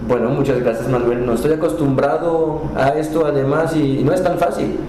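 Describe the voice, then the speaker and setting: A French man with a slightly high, warm voice and fairly even intonation speaks Spanish with a French accent as a guest on a casual interview. He directs a cultural center and comes across as friendly but halting, often restarting his words. The low-quality recording has heavy reverb and slight background noise.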